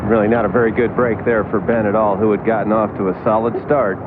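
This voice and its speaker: Golf commentator, male, on the lower side, tinny noisy broadcast sound. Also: level tone, fast.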